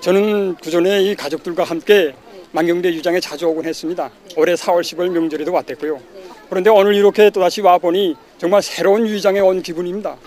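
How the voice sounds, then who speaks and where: A man's voice: high voice, steady tone, quick pace, a little mellow. A man with a North Korean accent giving an earnest, rhetorical testimonial as an interviewed visitor.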